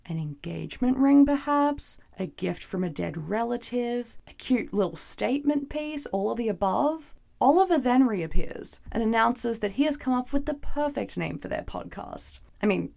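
Hoarse, gravelly young woman recapping a show. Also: mid-range voice, a little mellow. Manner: chatty, wry, playfully sarcastic. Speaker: TV reviewer. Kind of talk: casual episode recap and review.

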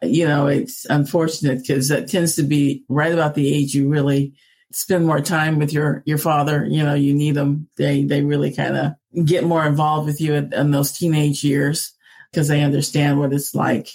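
Hosting her career podcast and doing an ad read, this coach from Northern California, USA aims to sound upbeat and encouraging. Her voice is deep and slightly rough, a little mellow, with a flat delivery at an ordinary pace.

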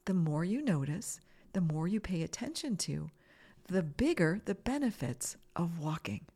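A woman's voice: lowish voice, big pitch swings, measured pace, mellow, breathy edge. A woman hosting a children's mindfulness podcast, giving simple, encouraging guided instructions. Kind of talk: guided mindfulness lesson with breathing exercises.

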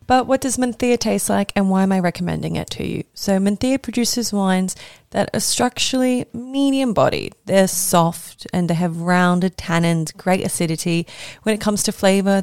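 A young woman giving a casual wine explainer, chatty and friendly, with small laughs and names spelled out slowly. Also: on the low side, gravelly, darkish tone, no room sound, clean studio sound. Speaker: wine educator.

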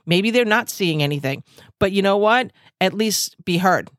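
A woman's voice: medium pitch, lively intonation, normal speed, no echo, clean studio sound. A woman host, giving an angry, emphatic monologue over a video call, full of fillers and restarts. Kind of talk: impassioned monologue.

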